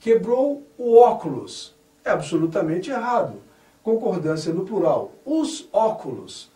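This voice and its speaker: A high-voiced man teaches grammar at a slow, deliberate pace, leaning hard on each corrected word. His voice rises and falls a lot. He sits back from the mic in an echoey room. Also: very animated, mellow, recorded from a distance. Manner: spells out words carefully, stressing correct forms.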